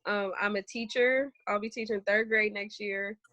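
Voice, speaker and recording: A woman in her thirties chatting in a group discussion, animated and quick to quote others. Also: mid-range voice, dry recording, low-quality recording. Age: 30s. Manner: animated, laughs and quotes people. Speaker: guest. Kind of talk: casual chat.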